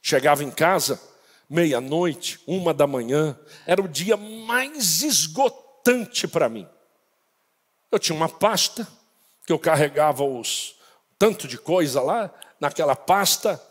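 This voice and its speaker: A man preaching a sermon as pastor, telling a story dramatically and rising to shouts at the peaks. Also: on the high side, long reverb tail. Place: church.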